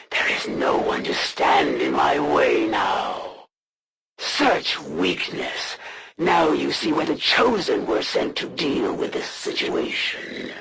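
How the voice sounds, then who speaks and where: A woman playing a haughty, menacing alien assassin in a video game, speaking in a formal, imperious, theatrical way with gravelly, breathy menace. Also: low voice, background noise, exaggerated voice. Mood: solemn resolve, then contemptuous. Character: haughty, menacing female alien assassin, zealous servant of her masters. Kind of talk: dramatic video game villain voice lines.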